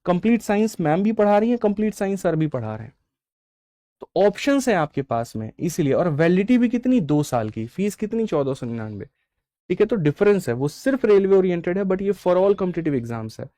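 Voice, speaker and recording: A young man teaching exam preparation pitches his course batches to students, calling them brother and checking in often. His voice sits a bit high but sounds mellow, close to the mic in a dry room. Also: sing-song, normal speed, no echo. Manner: addresses students as brother, frequent "theek hai". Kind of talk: online class sales pitch and lesson.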